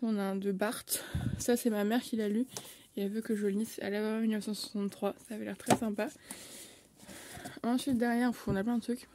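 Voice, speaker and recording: A woman's voice: mid-range voice, fairly even intonation, fairly quick, dark tone, a little hiss or hum. A young woman casually chatting at home on her phone, filling her sentences with hesitations. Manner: chatty, lots of hesitation fillers. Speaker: vlogger. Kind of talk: casual bookshelf tour.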